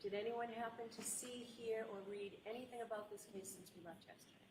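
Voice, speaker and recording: A woman's voice: fairly high pitch, steady tone, a little fast. An American woman speaking as a judge, giving formal courtroom instructions. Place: indoor courtroom. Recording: echoey courtroom, distant mic, loud noise.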